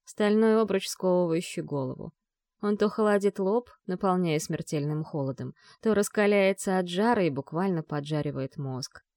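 A woman narrating a novel with a measured, expressive reading. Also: on the low side, no room sound, studio quality. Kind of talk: audiobook narration.

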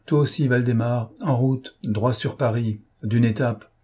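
A man's voice: medium pitch, steady tone, a little slow, darkish tone, husky. A man voicing a stern, imperious emperor in an audiobook, speaking in curt commands. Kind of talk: audiobook character reading.

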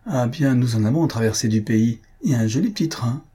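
A man reading aloud, voicing a gallant marquis who teases a young countess, in a dark, husky voice. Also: medium pitch, lively intonation, brisk. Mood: teasing. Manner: teasing, gallant. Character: gallant male marquis, teasing admirer.

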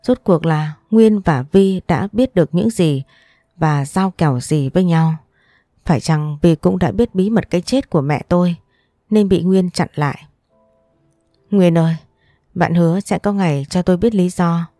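A woman narrating a first-person story in a sorrowful, measured reading. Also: lowish voice, warm tone, no room sound, studio quality.

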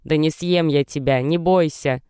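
A heavyset, no-nonsense old lady doctor, read by a man, giving short orders in a clear, smooth voice with a slightly raised pitch. This is a storybook scene with a dry, close sound. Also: fairly even intonation, dark tone, dry recording, lightly acted. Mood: brisk. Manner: brisk, bossy. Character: stout older woman doctor, brisk and no-nonsense.

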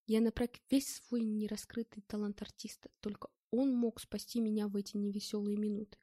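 A woman narrating a first-person novel in a steady, measured reading. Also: mid-range voice, no echo, studio quality. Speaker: audiobook reader.

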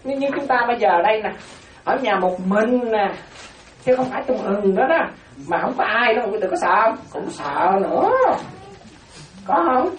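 A woman delivering a Buddhist dharma talk with a lively, rising and falling voice, keeping her listeners close with frequent check-ins. She is recorded from some distance, with a roomy echo around her. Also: mid-range voice. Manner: keeps asking the audience if they follow; animated, repeats terms slowly. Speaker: Buddhist nun teaching.

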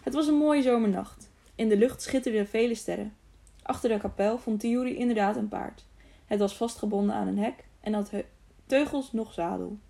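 A woman narrating an audiobook in a calm, measured storybook reading. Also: medium pitch, gravelly.

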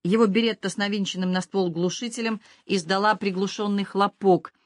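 A woman's voice: mid-range voice, a little fast, no room sound. Woman narrating a thriller, dry close sound. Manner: steady, even thriller reading. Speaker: audiobook narrator. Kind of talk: scripted narration.

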